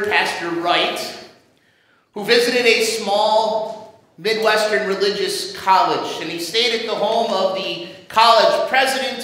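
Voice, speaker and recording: A male pastor preaching a sermon in a church, telling a story in a measured, dramatic way. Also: high voice, bright, forceful tone. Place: church sanctuary. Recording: echoey church hall reverb.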